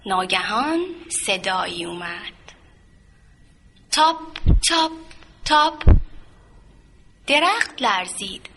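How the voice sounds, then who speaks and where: A woman narrating a children's folk tale in a gentle, expressive, sing-song way. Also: mid-range voice, slight background noise. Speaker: storyteller.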